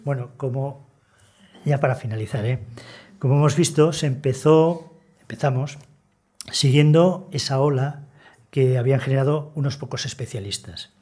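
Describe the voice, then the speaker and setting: Sitting at a conference-room table, an older conservator presents a seminar, his explanations measured and full of hesitations. He speaks at medium pitch in a mellow, slightly breathy voice.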